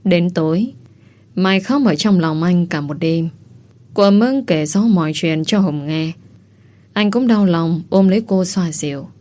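Female narrator, low-pitched, reads a melodrama evenly. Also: measured pace, dark tone. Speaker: storyteller. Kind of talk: scripted story narration.

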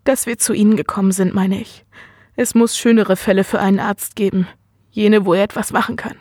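A woman reading the lines of a gaunt old father, gentle but quick-tempered, in an earnest way. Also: medium pitch, steady tone, dry recording, studio quality, natural voice. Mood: apologetic.

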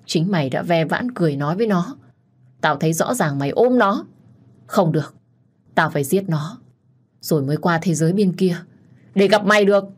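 A woman voicing a crazed, jealous young man who holds a knife and threatens and taunts in a menacing, shouting way. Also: lowish voice, unhurried, long pauses, slightly rough. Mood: raging.

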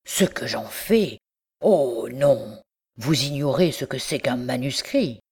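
A woman's voice: rumbling low, animated, slow, a little mellow, husky, exaggerated voice. A woman voicing an obsessive old male bookseller who stammers, pleads and turns feverish over his manuscripts. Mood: fretful.

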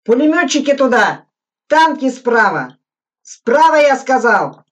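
A woman voicing an eager, self-important young male junior lieutenant who shouts his commands. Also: on the high side, expressive, measured pace, pitched above the performer's own voice. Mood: shouting. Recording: dull audio from a distant mic.

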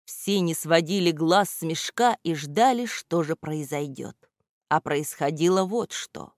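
A woman narrates a children's storybook with lively, expressive reading. Her pitch moves a lot, and the recording is dry and close to the mic. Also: measured pace, no echo.

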